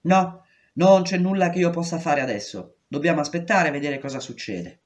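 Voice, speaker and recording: A woman's voice: sits low, normal speed, a little mellow, natural voice. A woman reading aloud, voicing a dismissive male prison doctor with curt, evasive replies. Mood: cold. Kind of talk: audiobook reading.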